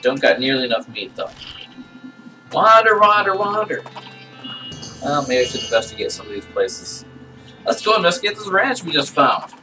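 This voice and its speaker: A man's voice: medium pitch, very animated, brisk. A man giving casual playthrough commentary, thinking aloud in a playful mutter as he plays. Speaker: gamer playing and narrating a game. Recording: distant mic, game music behind.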